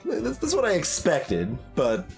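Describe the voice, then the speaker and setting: His high-pitched, creaky voice swoops wildly as he speaks unhurriedly. The man is a gaming streamer on a blind playthrough, musing aloud with stammers and repetition over background game music.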